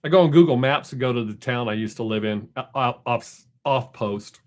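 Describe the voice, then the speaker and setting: Through a desk mic, a middle-aged Southern American man runs a laid-back live stream, his mid-range voice moving at a moderate pace. He rambles chattily, talks with his viewers, and reads their messages out loud.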